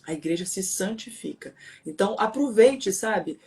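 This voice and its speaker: A woman's voice: medium pitch, animated, normal speed, darkish tone. Emphatic preachy Brazilian woman. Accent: Brazilian Portuguese. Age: adult, married. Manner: preachy, emphatic, fires rhetorical questions. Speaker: co-host.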